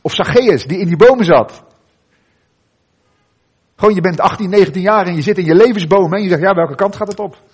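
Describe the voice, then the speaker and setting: In a church, a middle-aged man preaches a sermon earnestly, using dramatic pauses and letting his endings drop softly. His voice is high and husky.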